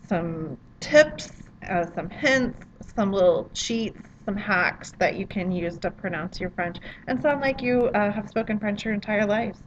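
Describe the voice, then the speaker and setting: A woman's voice: medium pitch, muffled recording, a little hiss or hum. A woman French teacher giving a friendly, chatty pronunciation lesson to students.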